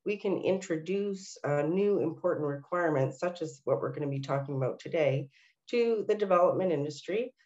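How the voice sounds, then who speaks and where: A woman's voice: low voice, animated, a little fast, warm tone, muffled recording. Nasal-sounding woman hosting a webinar. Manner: frequent ums and uhs, asks for next slides. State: recovering from illness, nasal. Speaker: senior city policy planner hosting a workshop. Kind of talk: webinar presentation.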